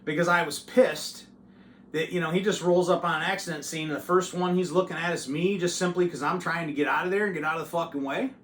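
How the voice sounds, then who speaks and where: A man tells a story straight to camera, swearing freely and getting worked up as he goes. His voice is bright and forceful and sits a little high. The room is echoey, with a faint hum of ambience behind him. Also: fast talker. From United States. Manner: profane, animated retelling. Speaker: channel host.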